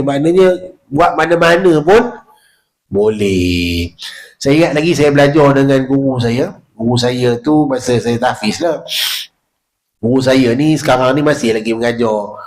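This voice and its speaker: A man with a Malaysian Malay accent teaching prayer recitation at a village prayer hall, drawing out Arabic phrases slowly and stressing each sound. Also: medium pitch, darkish tone. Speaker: religious teacher.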